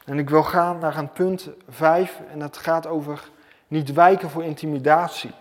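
Male preacher, fairly high voice, emphatic repetitive sermon delivery, reverberant hall sound. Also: steady tone, unhurried.

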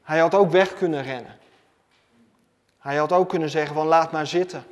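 A man's voice: a little high, moderate pace. Man preaching in an echoing hall. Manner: emphatic, repetitive preaching cadence. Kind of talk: sermon.

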